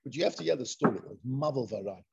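An informal Torah discussion is led by a man with a gravelly, medium-pitched voice who speaks fast. He's excitable, says things more than once, and mixes in Hebrew and Yiddish terms, all captured on a dull lo-fi recording.

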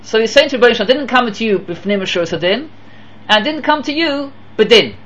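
A man giving a Torah lecture as a rabbi. He mixes Hebrew and Yiddish terms into his English and swings between emphatic and hushed delivery. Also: extremely high pitch, lively intonation, a little fast, lo-fi sound.

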